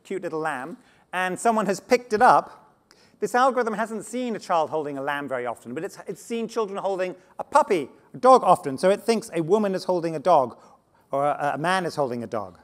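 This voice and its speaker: A man giving a conference talk on slides, animated and often restarting words, speaking to a live audience. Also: sits high, a little fast. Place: conference stage before an audience.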